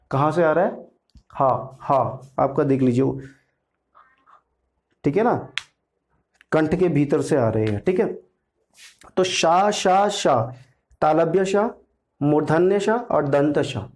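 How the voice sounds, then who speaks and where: A man teaching an exam-prep grammar lesson, speaking slowly and deliberately, repeating syllables aloud to demonstrate their sounds and often checking in with the listener. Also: fairly high pitch, a little mellow. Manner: keeps checking with "theek hai na".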